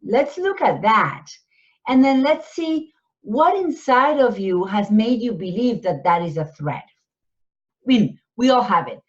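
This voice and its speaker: An Argentine-born business coach in her 40s answers interview questions as a panelist, speaking slowly with a slightly high voice and lively intonation. She explains things conversationally, often tacking on rhetorical tags like "right?", and the sound is dull and lo-fi.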